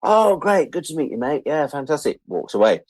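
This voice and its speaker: The recording is clean, dry, and studio-quality. A rather high-voiced Englishman in his sixties, a writer and editor, speaks a little fast in a casual interview, animatedly telling self-deprecating stories and acting out the remarks of others.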